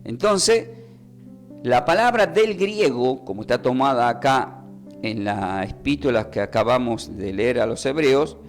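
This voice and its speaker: A man preaching a Bible lesson for radio, in a teacherly way, asking questions and then answering them and repeating key words slowly. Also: mid-range voice, lively intonation, soft background music.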